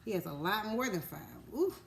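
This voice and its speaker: A woman teacher reads a picture book aloud to young children, explaining in simple, child-directed phrasing and often stopping for check-in questions in an instructive manner. Her mid-range voice is expressive and gravelly, and she speaks briskly.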